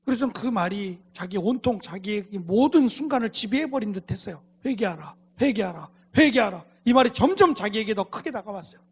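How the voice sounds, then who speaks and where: A pastor telling a story in a sermon, dramatic and often dropping to hushed near-whispers, in a church sanctuary. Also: male voice, high-pitched, animated, fairly quick, hardly any pauses, husky. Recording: long hall reverb.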